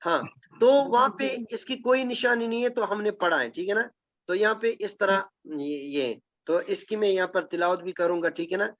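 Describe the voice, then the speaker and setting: Here the Quranic Arabic grammar teacher's voice sits high and sounds a bit bright. Working through his class step by step, he repeatedly checks on his students between recitations. Audio quality is dull and lo-fi.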